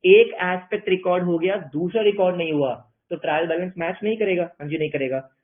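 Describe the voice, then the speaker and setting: A man's voice: high voice, a little fast. A man teaching an accounting class online in a playful way, asking questions and answering them himself in his students' voices. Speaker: commerce teacher. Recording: tinny phone-like sound.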